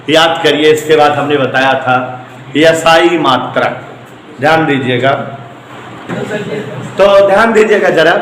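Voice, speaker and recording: A man's voice: on the high side, a bit bright. Man teaching physics in an echoey room. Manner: repetitive, emphatic, joking asides to students. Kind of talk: classroom lecture. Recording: echoey room with long reverb, faint noise.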